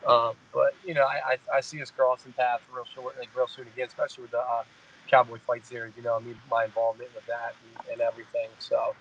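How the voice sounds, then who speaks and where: A man's voice: medium pitch, little pitch movement, fast, vocal fry, a bit bright, lo-fi sound, a little hiss or hum. A man in his mid-thirties, a fighter, talking in a casual interview, rambling and repeating "you know what I mean". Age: 30s. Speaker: guest fighter.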